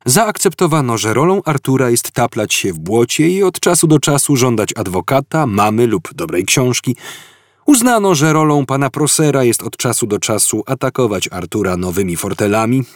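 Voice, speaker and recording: A male audiobook narrator tells the story in a lively, expressive way with a dry ironic edge. His pitch is mid-range but moves a lot, and the sound is close and dry with no room. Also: moderate pace, no room sound. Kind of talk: scripted narration.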